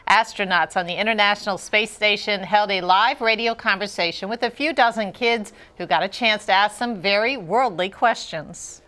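A middle-aged woman presents scripted news. Her voice is bright and sits at an ordinary female pitch. It is a studio anchor read. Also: moderate pace, hardly any pauses. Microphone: lapel mic.

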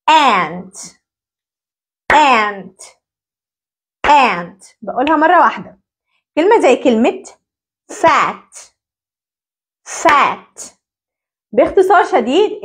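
In an English phonics lesson for parents, a high-pitched woman with an Egyptian Arabic accent teaches syllables. She drills the words by repeating them slowly.

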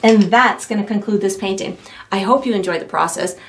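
A woman's voice: mid-range voice, brisk, soft background music. A middle-aged woman, a painting instructor, cheerfully greets viewers and talks straight to the camera in her indoor studio. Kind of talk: friendly tutorial intro and outro.

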